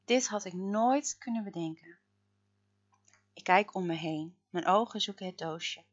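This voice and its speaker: A woman narrating a story in the first person, dramatic, swinging between loud outbursts and hushed murmurs. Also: mid-range voice, unhurried, muffled recording.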